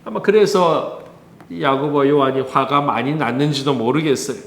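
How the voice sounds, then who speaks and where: A man's voice: mid-range voice, normal speed, echoey room. A man with a Busan Korean accent, a pastor giving a conversational sermon that he keeps moving with rhetorical questions. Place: church.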